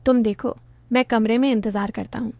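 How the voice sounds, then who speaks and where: A woman's voice: fairly high pitch, fairly even intonation, a little fast, darkish tone, no echo, natural voice. A woman voicing a playful, affectionate young husband with an easygoing delivery, in a read-aloud story.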